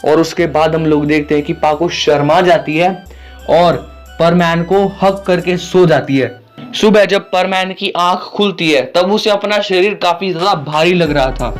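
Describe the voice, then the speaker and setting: A man's voice: a little high, a little slow, soft background music. A man casually retelling a cartoon story and chatting directly to his viewers. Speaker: cartoon recap narrator.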